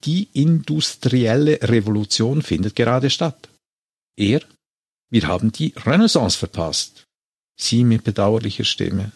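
Animated man retelling a film. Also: mid-range voice, a little slow, husky, no echo, studio quality. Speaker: podcast co-host retelling a film. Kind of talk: casual chat, retelling a story.

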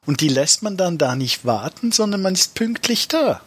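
Man, panel host, brisk, mock-strict, husky, dry close sound. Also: high voice, sing-song, fairly bright tone, no room sound. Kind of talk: comedic panel talk.

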